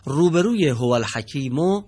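A male teacher leads a televised reading lesson from a studio. His pitch rises and falls a great deal as he speaks. He talks patiently, quizzing his students and echoing back their answers. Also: expressive, darkish tone, husky. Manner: patient, asks questions and repeats answers.

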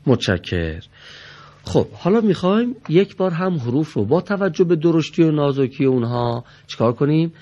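A man's voice: fairly high pitch, sing-song, dark tone, no room sound, highs cut off. A man teaching a Quran reading class, politely calling on students and patiently correcting how they pronounce each letter. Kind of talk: classroom recitation lesson.

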